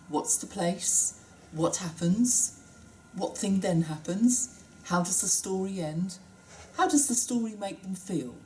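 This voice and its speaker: A woman researcher explaining step by step how to run a classroom project, in a lively, guiding manner. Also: mid-range voice, slight background noise, low-quality recording. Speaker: university researcher. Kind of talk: instructional explanation.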